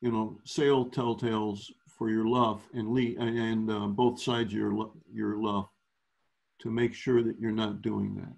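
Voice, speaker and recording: A man's voice: fairly low pitch, little pitch movement, a little slow, creaky, a little mellow. A man instructing newer sailors in a virtual clinic, explaining step by step and often restarting his phrases. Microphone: video call.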